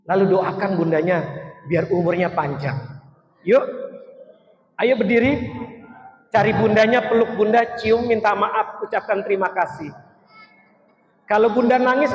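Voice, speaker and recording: A high-pitched male storyteller preaching earnestly to children, urging them along with heartfelt pleas. His voice rings through a large echoey hall with a long reverb, and the sound is muffled. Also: slight background noise. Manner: earnest, coaxing, urges children to stand and act. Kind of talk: emotional religious talk to children. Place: large echoing mosque hall.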